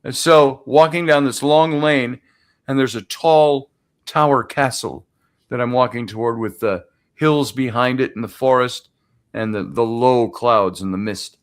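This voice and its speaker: A man from the United States co-hosts a casual podcast chat. He tells stories in an unhurried, easygoing way, filling the gaps with ums and uhs. His voice has an ordinary middle pitch for a man. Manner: relaxed storytelling with fillers. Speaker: co-host.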